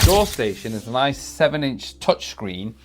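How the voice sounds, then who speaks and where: A man's voice: medium pitch, sing-song, a little slow. A man giving a casual product demo, explaining features step by step in an explanatory manner. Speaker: product reviewer and demonstrator. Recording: music behind the voice.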